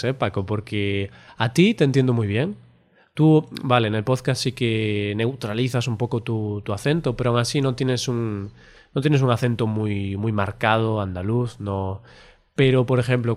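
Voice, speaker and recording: A man's voice: mid-range voice, darkish tone. Chatty man hosting a podcast. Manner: explanatory, tags questions with "¿no?". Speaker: podcast host. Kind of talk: casual podcast chat.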